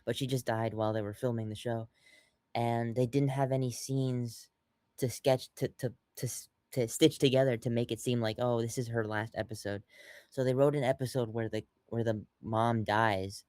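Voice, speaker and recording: A young man chatting casually on a podcast, his voice sitting in an ordinary middle pitch. He rambles with constant fillers and restarts, and the sound is dry and close with no room around it. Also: fairly even intonation, normal speed, a little mellow, no room sound. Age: young adult. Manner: rambling, many fillers and restarts, acts out quotes. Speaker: podcast co-host. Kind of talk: casual chat.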